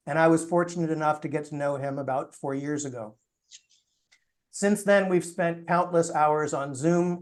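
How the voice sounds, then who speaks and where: A man presents a prepared lecture in a steady, explanatory manner. His voice sits a little high for a man, and he is losing his voice. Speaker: course presenter.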